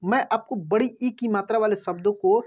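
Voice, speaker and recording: A man teaching a Hindi lesson online, patiently explaining and slowly drawing out each word before repeating it. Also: high-pitched, lo-fi sound. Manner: addresses viewers as friends, patient and explanatory. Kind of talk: online lesson, reading words aloud.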